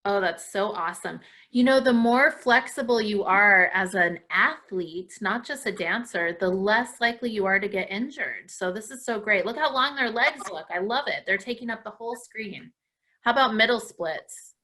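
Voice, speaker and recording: This woman, a dance class host, guides kids through stretches in a live session for home viewers, cheering them on with regular praise. Her tone is sharp, her pitch medium, and her pace normal.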